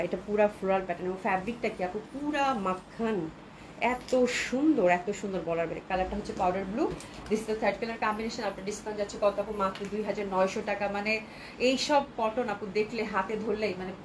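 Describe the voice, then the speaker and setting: A woman with a Bangladeshi Bengali accent hosting a live clothing sale, chatting with viewers and repeating prices, with a cold that keeps her speaking softly. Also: medium pitch, noisy background. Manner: chatty, repeats prices, mixes in English words. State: has a cold, talking softly to avoid coughing. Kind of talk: live sales chat with viewers.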